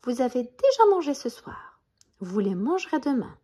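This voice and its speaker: A woman's voice: on the high side, very animated, normal speed, breathy edge. A woman voicing a kind, protective ogre's wife in a spoken bedtime storybook. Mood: firm. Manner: soft storybook telling.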